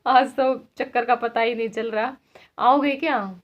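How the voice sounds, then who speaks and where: Brief: bright-pitched woman vlogger, chatty and laughing, muffled lo-fi home recording. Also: steady tone, a little slow. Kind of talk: casual chat to viewers. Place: village home. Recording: dull lo-fi sound.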